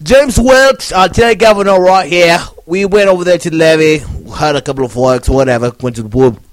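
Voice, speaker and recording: A man's voice: very high voice, takes it slowly, bright, forceful tone, dry recording, clean studio sound, pitched above the performer's own voice, exaggerated voice. A man putting on a jokey fake English accent for a playful pub-style character. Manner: playful, calls everyone Governor. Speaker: co-host. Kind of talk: casual banter.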